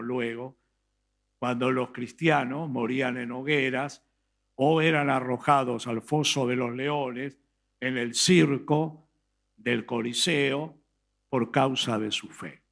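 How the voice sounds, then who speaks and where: A man with an Argentine Spanish accent, preaching a sermon as pastor and retelling a scripture story with emphatic, dramatic pauses. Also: mid-range voice, fairly even intonation, creaky, fairly bright tone. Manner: reads scripture aloud slowly.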